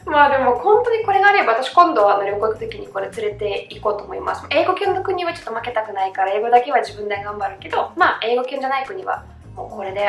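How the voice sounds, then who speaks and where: A woman's voice: mid-range voice, a bit bright. A woman with a Russian accent, hosting a casual chat with many fillers. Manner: chatty, many fillers, laughs easily. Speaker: host. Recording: roomy echo with faint background music.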